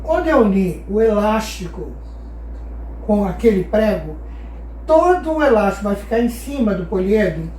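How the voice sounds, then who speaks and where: A woman's voice: mid-range voice, very animated, normal speed, warm tone, a little hiss or hum. A woman teaching a math lesson, patiently asking her class questions and answering them herself. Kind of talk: explaining a geometry lesson. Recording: echoey room, voice far from mic.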